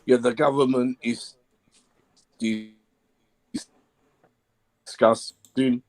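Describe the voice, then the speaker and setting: A man's voice: medium pitch, steady tone, dry recording, low-quality recording. Fan caller, male, mid-range voice, dry sound, mic dropping out with uneven volume, stop-start delivery. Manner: halting, keeps checking he is heard. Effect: cutting-out mic with uneven volume. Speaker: fan caller on a live show. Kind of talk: casual chat.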